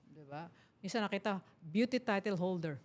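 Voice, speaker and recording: Animated woman talk-show host, expressive voice, chats and chimes in. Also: mid-range voice, normal speed. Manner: animated, agreeing, mixing Tagalog and English. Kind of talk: casual talk-show chat.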